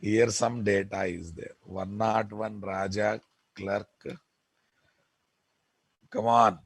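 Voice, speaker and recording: Slow-paced man with a Telugu Indian accent. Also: fairly low pitch, steady tone, creaky, slightly rough, no room sound. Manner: repetitive, emphatic, often checks with listeners. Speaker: programming instructor. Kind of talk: informal software lecture.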